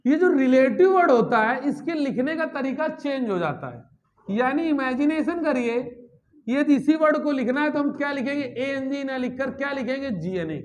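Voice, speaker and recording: A man lectures on physics in a very high voice. He keeps asking his students questions, answers them himself, and repeats each key term. His delivery is classroom teaching rather than casual chat. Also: animated, moderate pace, a little hiss or hum. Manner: mixes English terms into Hindi, repeats key words.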